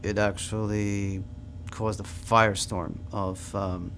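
An older man from Australia, a rabbi, speaking in an interview indoors, halting with fillers and restarts. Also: fairly low pitch, little pitch movement, a bit bright, a little hiss or hum. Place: indoor room. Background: music.

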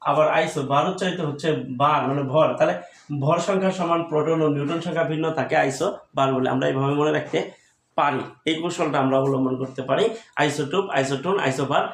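A man with a Bangladeshi Bengali accent teaching a school chemistry lesson at a board, slowly repeating definitions to drill them. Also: on the high side, fairly even intonation. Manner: slow, repetitive, drilling definitions. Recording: echoey room.

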